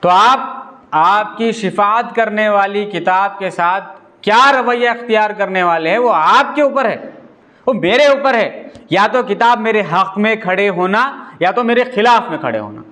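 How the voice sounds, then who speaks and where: Male preacher, high voice, chatty and questioning delivery, teaching a religious talk. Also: animated, moderate pace, pushed and bright. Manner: conversational, asks listeners rhetorical questions. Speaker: Islamic preacher.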